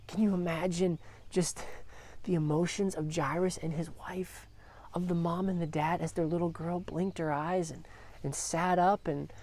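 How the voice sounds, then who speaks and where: A woman's voice: lowish voice, a little mellow. A woman telling a Bible story as a devotional, earnest, acting out the quotes as she goes. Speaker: devotional speaker.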